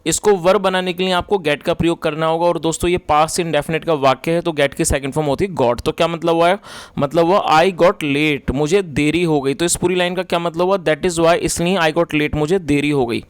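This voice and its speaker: Smooth-voiced man teaching English grammar. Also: fairly high pitch, steady tone, dry recording. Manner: reads English lines slowly, explains fast. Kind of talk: explaining a story line by line.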